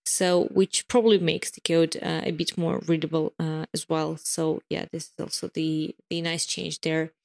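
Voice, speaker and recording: A woman's voice: low-pitched, level tone, moderate pace, gravelly, hardly any pauses, a little mellow. A woman giving product updates in a casual podcast chat, explaining in long runs with frequent fillers and restarts. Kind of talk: casual podcast chat about developer tools.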